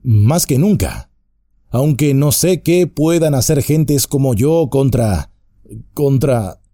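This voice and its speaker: A man's voice: a little high, big pitch swings, measured pace, warm tone, no echo, studio quality, pitched above the performer's own voice. A man voicing a nervous, fussy, stout male innkeeper who talks anxiously and at length. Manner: flustered, anxious, talkative.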